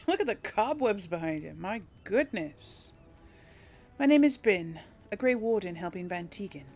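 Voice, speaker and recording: Her mid-range voice is animated yet measured, with a darkish tone. Game music sits behind her as she hosts a relaxed role-play let's play, commenting, reacting, and speaking in character.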